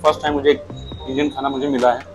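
Over soft background music, a man in his thirties with a Lucknow Hindustani accent rattles off a rapid-fire, easygoing food review to camera, picked up on a lapel mic with poor audio. This food vlogger has a mid-range voice and talks through every dish he eats at the restaurant table.

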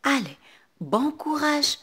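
Woman, North African French accent, reading teacher, very slow, lively pitch, careful enunciation. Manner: slow, carefully enunciated, repeating words for children. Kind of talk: early reading lesson.

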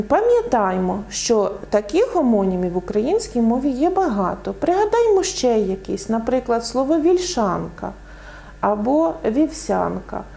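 A woman explaining word meanings in a clear, didactic lesson, giving many examples. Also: fairly high pitch, mellow. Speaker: language teacher.

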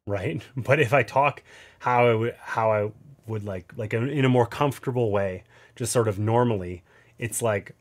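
Here a nasal-voiced man in his thirties talks at a moderate pace and medium pitch. He's going through a board game at an indoor gaming table, casually explaining his moves with dry, wry remarks.

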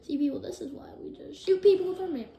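A woman giving excitable live gameplay commentary, jumping between hyped shouts and low mumbles. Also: fast talker, dull audio. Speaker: gaming video creator. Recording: roomy echo with faint noise.

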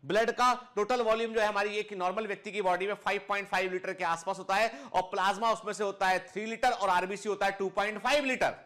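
A biology teacher lectures his students in a high, fairly bright voice, moving quickly with almost no pauses and an even intonation. He explains step by step, repeats the key points, fondly calls the students children, and keeps checking they follow with short tag questions. He's recorded on a clip-on lapel mic.

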